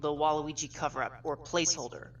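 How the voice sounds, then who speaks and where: A man's voice: fairly high pitch, steady tone, fast, a bit bright, dull audio. A man as a guest on a casual gaming chat, explaining his theories step by step in detail. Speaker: guest with leak source. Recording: far from mic, faint music.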